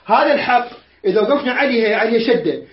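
A man teaching Quran recitation rules, explaining patiently, asking his students questions and chanting verses slowly. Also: extremely high pitch, animated. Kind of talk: tajweed lesson with recited verses. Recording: echoey room, dull lo-fi sound.

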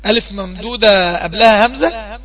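A man's voice: sits high, normal speed, sharp tone, rough recording. A man with an Egyptian accent teaching Quran recitation rules, patiently asking students questions and repeating each point. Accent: Egyptian Arabic. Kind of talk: online tajweed lesson.

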